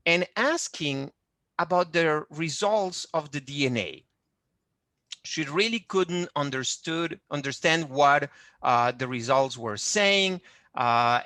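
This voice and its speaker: A male genealogist with a Venezuelan Spanish accent presents a webinar, an online lecture with a shared screen. His voice is a little high, pushed and bright, in a dry recording. He explains in a friendly way but hesitantly, with many fillers.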